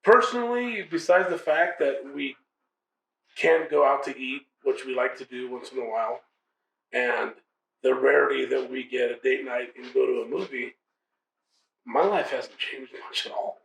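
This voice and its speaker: A man's voice: mid-range voice, normal speed, creaky, a bit bright, echoey room, distant mic, low-quality recording. A man in his forties answering interview questions in a blunt, plainspoken way. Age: 40s.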